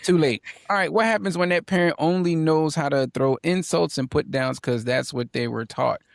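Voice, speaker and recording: A man's voice: a little high, moderate pace, gravelly, no room sound, clean studio sound. A man co-hosting a casual podcast panel, talking emphatically, repeating lines for punch and reading viewer comments aloud. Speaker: podcast co-host.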